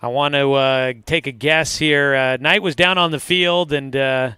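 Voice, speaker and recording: A man announcing high school football on the radio, recapping the game from the press box with frequent fillers. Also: fairly even intonation, unhurried, pushed and bright, smooth, no echo. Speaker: play-by-play announcer. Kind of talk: radio sports commentary.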